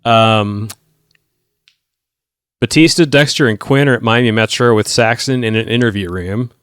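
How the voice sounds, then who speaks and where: A man's voice: medium pitch, fairly bright tone, dry recording, clean studio sound. A man co-hosting a podcast, casually and sarcastically summing up the plot of a TV episode. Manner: sarcastic, recaps plot in quick summaries. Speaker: podcast co-host recapping episodes. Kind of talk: casual chat.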